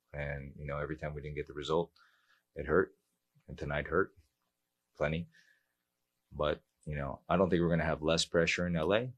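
A man in his forties, a football coach speaking at a post-match press conference into a table mic, measured and reflective with many fillers. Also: a bass voice, breathy edge. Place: press room.

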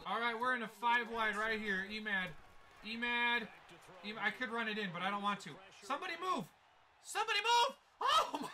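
Excitable high-voiced young gamer man. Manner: excitable, yelling at big plays. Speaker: gaming YouTuber. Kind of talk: gameplay commentary.

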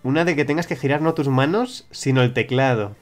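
A man's voice: mid-range voice, a little fast, faint music behind. Chatty young man streaming. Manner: chatty, rambling, with frequent restarts and swearing. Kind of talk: casual livestream chat reading viewer suggestions.

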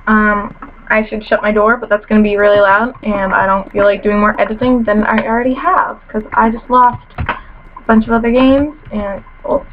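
A woman's voice: mid-range voice, dull audio, noisy background. A teenage girl commentating her own game casually, chatty and self-mocking with playful trash talk, a little sniffly after a cold, in her bedroom at home. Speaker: gamer commentator.

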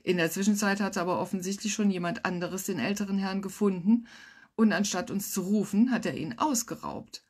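Woman author reading her crime story; wry, lively first-person narration. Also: medium pitch, fairly quick, slightly rough. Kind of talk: online reading of a crime novel.

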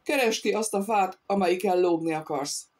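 A woman's voice: medium pitch, darkish tone, lightly acted. A woman reading an audiobook, voicing a threatening male robber-baron captain who barks orders at his dragoons. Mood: furious.

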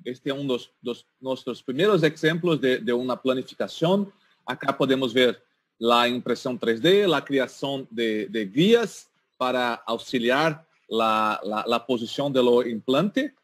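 A man's voice: mid-range voice, expressive, a little slow. A man from southern Brazil with a Brazilian Portuguese accent gives a medical presentation, mixing Portuguese words into his Spanish and repeating words as he searches for them. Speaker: guest speaker, orthopedic shoulder surgeon.

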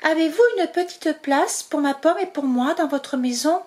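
A woman voicing an eager little female mouse in a storybook reading, with high excited exclamations. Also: moderate pace, natural voice.

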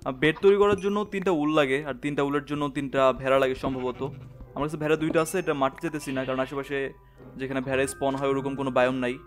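A young man, quietly commentating his gameplay in a soft, hushed voice late at night. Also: medium pitch, steady tone, quick pace, soft background music. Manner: talks softly and quietly, late-night hush. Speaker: gamer channel host.

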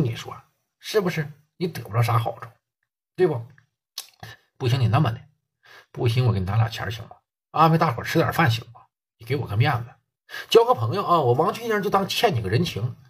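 Man voicing a cornered gangster begging to save face, husky, lively rises and falls. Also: medium pitch, fairly quick, long pauses, exaggerated voice. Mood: pleading. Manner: pleading, placating, earnest. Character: humbled male gangster, pleading to save face.

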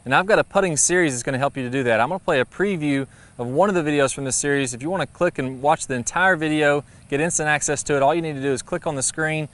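Fast-talking golf coach outdoors. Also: male voice, on the high side, a bit bright. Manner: brisk, friendly, practical coaching. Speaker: golf instructor. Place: golf putting green, outdoors. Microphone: lapel mic.

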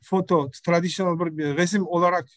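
A middle-aged man with an Uzbek accent giving an academic presentation on a video call, speaking halting, broken non-native Turkish mixed with Uzbek. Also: sits high, steady tone, no room sound, studio quality. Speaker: professor presenting research. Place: indoor room, video call. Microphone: computer microphone on video call.

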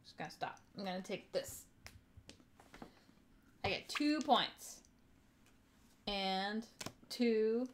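Slow-paced, playful young woman at game table. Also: medium pitch, expressive, a little hiss or hum. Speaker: board game player and show host. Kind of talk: casual game-table chat. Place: indoor room at a game table.

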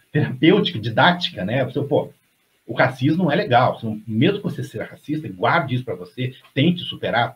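Middle-aged man rambling on a dull call. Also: fairly high pitch. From Brazil. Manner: rambling, many restarts and tag questions. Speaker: guest novelist. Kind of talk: casual discussion on video call. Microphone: webcam on video call. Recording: slightly dull lo-fi sound.

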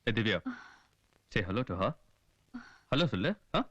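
A man's voice: fairly low pitch, sing-song, extremely slow, a bit bright, dry recording, muffled recording, heavily acted. An actor playing a short-tempered, bossy rich father who is drunk and mixes English insults into his talk, in a film scene. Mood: angry. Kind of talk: film dialogue.

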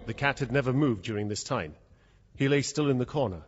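In a radio drama, an actor voices a formal, intense narrator and lead character, a terrified man trapped with a predatory cat, telling his story in hushed dread. His mid-range voice is expressive, a little fast and close to everyday speech. The recording is dull and noisy.

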